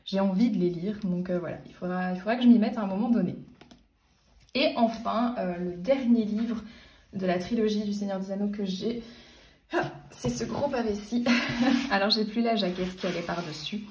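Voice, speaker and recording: Warm-voiced woman chatting in a roomy space. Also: mid-range voice, moderate pace, distant mic. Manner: chatty, hesitant, many fillers and restarts. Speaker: book vlogger. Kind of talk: casual book collection vlog. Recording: roomy sound, voice a bit off-mic.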